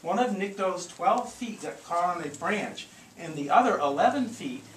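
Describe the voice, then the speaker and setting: A storyteller leads a live audio theatre show, reading aloud to the group with theatrical encouragement and slipping in coaching asides. The voice is medium-pitched and expressive at a normal pace. It was captured from a distance on a handheld camcorder in an echoey, noisy room.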